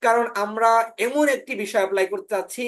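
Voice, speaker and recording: A woman from Bangladesh, giving an online orientation lecture as a spoken English teacher. She often pauses on "ah" fillers and says words over slowly to model how they are pronounced. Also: a little high. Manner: demonstrates pronunciations by repeating words slowly.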